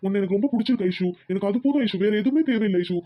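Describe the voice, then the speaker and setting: A woman's voice: medium pitch, rapid-fire, lo-fi sound, lightly acted. A woman voicing a lovesick young male student in a Tamil cartoon, begging earnestly.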